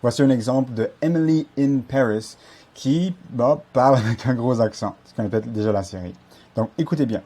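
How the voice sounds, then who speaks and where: A man's voice: mid-range voice, a little fast, mellow. A man teaching a pronunciation lesson as a language coach, patiently explaining and repeating sounds to demonstrate them.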